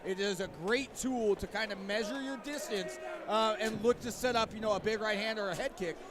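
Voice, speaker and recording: A man's voice: high-pitched, brisk, background noise. A man giving analytical color commentary during a live mixed martial arts fight. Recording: loud crowd at live venue.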